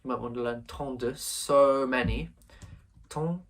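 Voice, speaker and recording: A man's voice: mid-range voice, unhurried. Hesitant young man tutoring. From England. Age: late teens. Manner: thinking aloud, hesitant with many fillers. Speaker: language tutor. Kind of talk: screen-recorded exam walkthrough.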